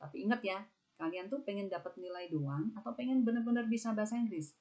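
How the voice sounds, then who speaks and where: A woman's voice: medium pitch, fast talker, dark tone. A young adult woman English teacher, explaining a lesson in a chatty, casual way, often adding "gitu ya". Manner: chatty, repeats "gitu ya" and "nah", stresses example words. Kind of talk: casual classroom lesson narration.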